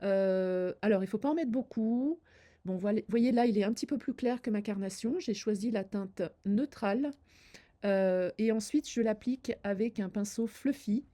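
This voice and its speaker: A woman's voice: medium pitch, moderate pace, dark tone. An older woman demonstrating a makeup routine, giving hesitant, friendly advice to viewers with many fillers. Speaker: beauty vlogger. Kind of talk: makeup tutorial, demonstrating as she talks.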